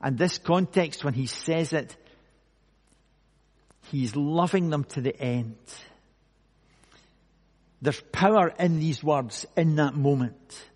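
Slow husky preacher in a reverberant hall. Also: male voice, on the high side, a little mellow. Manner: slow, emphatic preaching with dramatic pauses. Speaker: pastor. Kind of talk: sermon.

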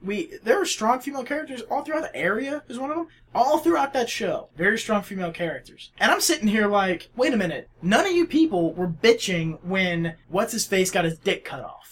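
A young man in casual chat with friends, rambling and excitable and often laughing. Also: sits high, a little fast, few pauses.

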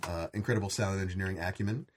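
A man hosting a casual podcast, thanking guests with many pauses and fillers, laughing often. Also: deep voice, steady tone, slight background noise. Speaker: podcast host. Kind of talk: casual chat.

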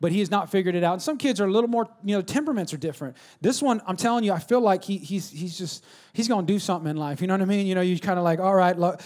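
A man's voice: high-pitched, rapid-fire, a little mellow. A man preaching a sermon, telling family stories in a conversational way and asking the congregation to respond. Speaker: pastor.

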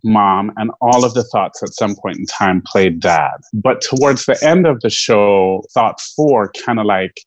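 A man's voice: on the low side, unhurried, few pauses, no room sound, dull audio. A man, a stage actor and guest, chatting casually and telling stories with frequent laughter. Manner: chatty, laughs often, animated storytelling. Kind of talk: casual interview chat.

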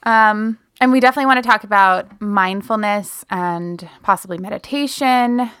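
A young woman co-hosts a casual podcast with an eager, excitable delivery. Her voice is bright and smooth, and the sound is dry and close. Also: medium pitch, normal speed, dry recording. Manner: eager, excitable, trails off and restarts. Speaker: podcast co-host. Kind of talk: casual chat.

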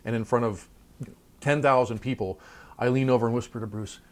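A relaxed interview finds a middle-aged college professor and trumpet player going over his career, thoughtful and chatty and full of asides. His mid-range voice moves briskly.

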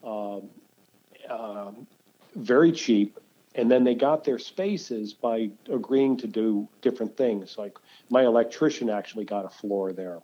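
Rambling older New man, mellow tone. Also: fairly low pitch, measured pace, highs cut off. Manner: rambling, with many restarts and fillers. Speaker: interviewee. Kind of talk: casual storytelling.

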